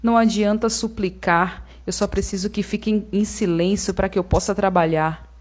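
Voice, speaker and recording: A woman's voice: mid-range voice, fairly even intonation, moderate pace, natural voice. Imperious female ringmaster of censorship, acted by a woman. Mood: smugly menacing. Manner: ringmaster-like, theatrical, commanding announcements. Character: Censorship personified, domineering, menacing female ringmaster silencing everyone. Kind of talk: theatrical radio drama monologue.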